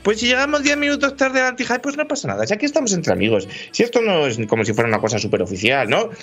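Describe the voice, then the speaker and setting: A man with a Spain Spanish accent hosts a loose live-stream podcast chat. His voice sits on the high side and swings widely as he jokes and teases. Music plays faintly underneath. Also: rapid-fire. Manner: joking, animated, with frequent laughs. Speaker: host.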